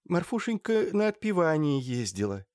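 A man voicing an anxious older woman who tries to calm her quarrelling sister. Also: fairly high pitch, moderate pace, no room sound, studio quality, pitched above the performer's own voice. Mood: worried. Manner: placating, polite.

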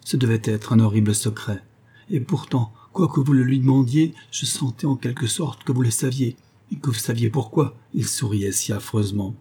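A man with a husky voice voicing a frightened young woman who pleads, in an audiobook reading of a gothic tale. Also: medium pitch, moderate pace, dark tone. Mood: pleading.

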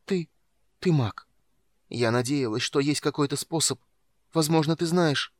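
A man's voice: a little high, unhurried, no room sound, studio quality, pitched above the performer's own voice, close to an everyday voice. A man voicing a frightened, desperate young woman who pleads and stammers for breath. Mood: pleading.

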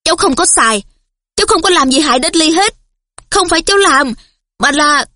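A woman's voice: sits high, fairly quick, no echo, clean studio sound, pitched above the performer's own voice. Woman doing a teenage boy, cool and defiant, light voice. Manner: calm, cold.

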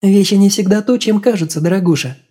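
A woman voicing a cold, elegant countess in an audiobook, soft but demanding, with icy politeness. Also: mid-range voice, fast, lightly acted. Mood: soft commanding. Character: cold elegant female countess, calm torturer. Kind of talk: audiobook character voice.

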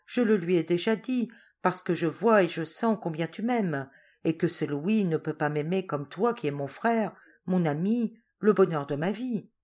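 An eighteen-year-old storybook girl pleads earnestly and sweetly, as a woman reads her lines. The voice is a touch low yet rises and falls with lively feeling. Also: moderate pace.

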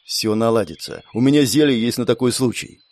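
A man's voice: mid-range voice, brisk, no room sound. A man narrating an audiobook in the first person, bringing the characters to life with voices. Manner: lively storytelling, voices the characters. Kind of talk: scripted narration.

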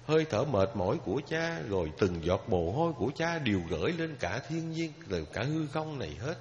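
A man giving a Buddhist dharma talk as a sermon, telling a story with emotion and pausing at length as he speaks straight to his listeners. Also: mid-range voice, big pitch swings, a little mellow. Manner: emotional storytelling, drawn-out pauses, addresses listeners directly. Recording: lo-fi recording with long hall reverb, faint noise.

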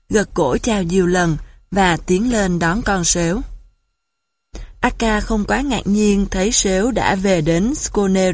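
A woman reading a children's storybook aloud in a calm, even narration. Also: medium pitch, no echo, clean studio sound. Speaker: audiobook narrator.

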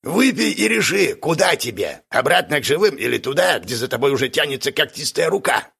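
A man's voice: big pitch swings, a little fast, vocal fry, a bit bright, husky, full character voice. A man doing a mocking old exorcist. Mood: sardonic. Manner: mocking, theatrical, high-pitched. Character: old eccentric male exorcist, mocking and sardonic.

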